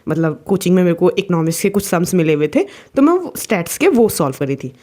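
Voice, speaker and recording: This vlogger, a young woman, recounts something from her own life, her fairly low voice warm, animated and quick. The chatty delivery is full of restarts and borrowed English words.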